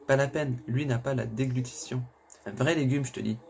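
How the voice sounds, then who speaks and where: A man's voice: medium pitch, fairly even intonation, fairly quick, gravelly, a little hiss or hum, close to an everyday voice. A man voicing a weary male nurse who talks in a curt, matter-of-fact way in a read-aloud thriller. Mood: dismissive.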